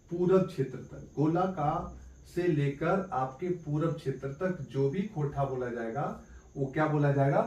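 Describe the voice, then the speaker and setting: A man's voice: fairly high pitch, a little mellow, dull audio. Man teaching in an echoey room. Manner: repeats key points as questions and answers them. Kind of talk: exam-prep lesson. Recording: echoey room, mic at a distance.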